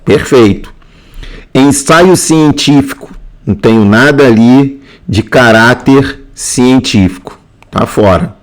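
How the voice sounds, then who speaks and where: A man's voice: mid-range voice, takes it slowly. A male teacher with a Brazilian Portuguese accent, going through exam answers step by step and repeating key points. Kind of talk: exam answer walkthrough lesson.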